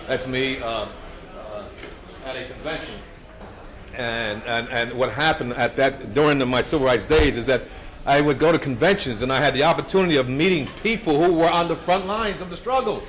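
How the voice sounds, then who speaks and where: A man's voice: medium pitch, normal speed, a bit bright, a little hiss or hum. A man in his seventies giving a storytelling speech at a brunch event, anecdotal and chuckling, with many restarts. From United States. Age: 70s.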